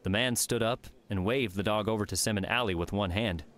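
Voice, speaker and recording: A man narrating an audiobook in steady, even storytelling. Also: lowish voice, fairly quick. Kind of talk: scripted narration.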